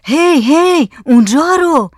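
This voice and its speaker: A woman's voice: mid-range voice, expressive, a little mellow, no room sound, close to an everyday voice. A woman voicing a pensive, wary adult fisherman in a read-aloud story, musing in a dry, close voice. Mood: urgent.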